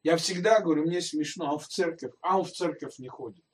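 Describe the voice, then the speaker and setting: A pastor gives a sermon in a conversational style, speaking directly to his congregation and posing rhetorical questions. His voice is high-pitched and fast, and he seems to stand some way from the microphone, so he sounds slightly distant.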